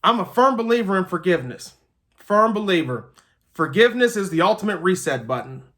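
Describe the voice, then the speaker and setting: A man's voice: high voice, very animated, brisk, pushed and bright. A man delivering an earnest motivational pep talk as a host, emphatic, repeating key phrases and checking in with listeners.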